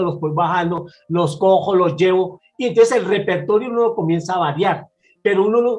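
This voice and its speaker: A man with a Bogotá Colombian accent and a fairly high voice talks about his storytelling craft. He sounds animated and expressive, and he often restarts his phrases as he goes. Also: rough recording. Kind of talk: casual interview talk.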